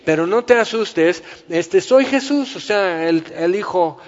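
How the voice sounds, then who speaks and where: A preacher lifts his voice into a gushing, chummy man who tries far too hard to be liked, all casual slang and soothing reassurance. The stays, the pitch sits well above his plain talk, and the sound is dull and reverberant as if heard across a hall. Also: lively intonation, measured pace. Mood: syrupy friendly.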